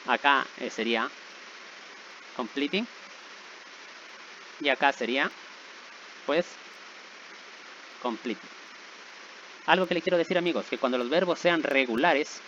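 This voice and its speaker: A man with a mid-range, fairly bright voice works patiently through grammar rules as an English teacher, checking in with listeners after each step with "¿verdad?" and "¿sí?". A faint hiss runs under the slightly dull recording.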